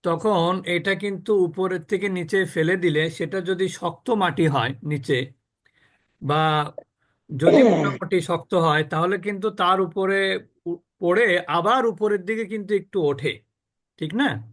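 A man with a fairly high voice teaches a recitation class at an unhurried pace. He explains patiently with everyday examples and keeps checking that his students follow. He demonstrates pronunciation by drawing words out and repeating them. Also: a bit bright. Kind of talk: live class on recitation rules.

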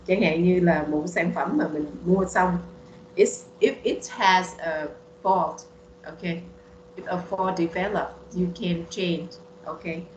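A woman's voice: fairly low pitch, highs cut off, background noise. Roomy-sounding woman teacher. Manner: patient, repeats words for drilling. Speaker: English teacher. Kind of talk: online bilingual English lesson.

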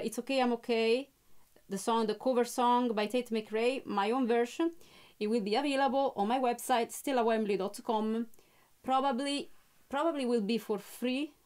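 A chatty young woman with a clear, bright, slightly high voice hosts a casual live-stream as a musician and channel host. Speaking from a small home music studio indoors, she uses frequent fillers and restarts.

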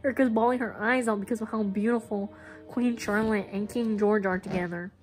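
Faint music sits behind a rough recording of a twenties-aged woman, a vlogger and caregiver friend, talking casually to a phone at arm's length. Her voice is medium-pitched and steady, her delivery brisk, and her manner joking and playful as she moves between a car and small home rooms.

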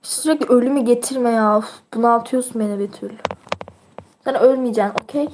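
A woman's voice: on the high side, brisk, darkish tone, a little hiss or hum. A teenage girl chatting casually on her livestream, reading out viewer comments in a teasing, chatty way and laughing often.

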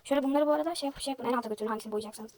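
Fast-chatting young woman, slightly hoarse. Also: high voice, a little mellow, a little hiss or hum. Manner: chatty, self-deprecating, thinking aloud. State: slightly hoarse, sore throat. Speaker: vlogger. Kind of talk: casual chat while drawing.

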